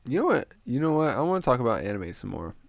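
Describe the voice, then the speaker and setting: With a congested nose, the young man rambles on his solo podcast, crude and jokey, chasing tangents. His mid-range voice is sing-song, fast and creaky, with no echo.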